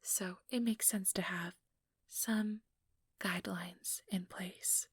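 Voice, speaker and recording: Slow and steady in tone, a woman whispers breathily into a close mic, playing a scheming, ambitious vampiress in an intimate ASMR monologue. Her mid-range voice sounds coaxing and idealistic, and the dry recording has no echo.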